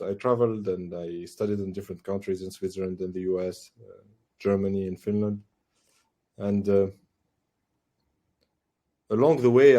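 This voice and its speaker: A man's voice: on the low side, warm tone. A man in his forties from Tunisia, a podcast guest talking thoughtfully with many fillers and restarts. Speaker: guest, AI director. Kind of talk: casual podcast interview.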